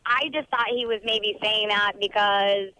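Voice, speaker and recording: A woman's voice: medium pitch, fairly even intonation, unhurried, sharp tone, dry recording. A woman with a babyish, little-girl voice chatting casually and a bit defensively as a caller on a phone line. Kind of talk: casual chat. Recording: phone call to a radio show.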